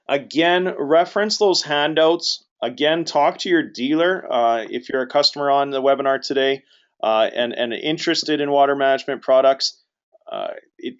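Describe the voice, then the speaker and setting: A man's voice: mid-range voice, clear, resonant tone. A man hosting a live webinar as moderator, speaking in an informal, loosely worded way. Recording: dull lo-fi audio.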